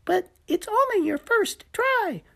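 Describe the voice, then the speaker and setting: A woman's voice: very high-pitched, lively intonation, slow pace, creaky, fairly bright tone, pitched above the performer's own voice, full character voice. A woman voicing an eager, cheerful little male gecko who coaches his friend in a storybook reading, chirpy and encouraging. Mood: coaxing.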